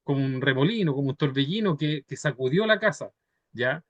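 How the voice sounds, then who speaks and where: Man teaching, fairly high voice. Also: lively intonation, a little fast, a bit bright, no room sound, highs cut off. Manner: ends phrases with checking tags, patient and conversational. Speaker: Bible study teacher. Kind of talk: explanatory Bible study teaching.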